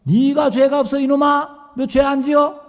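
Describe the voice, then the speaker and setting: A man acting out a stern older male pastor who scolds with a shouting voice. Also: high-pitched, very animated, unhurried, in a large hall, exaggerated voice. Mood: roaring scolding. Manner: shouting rebukes, later gentle.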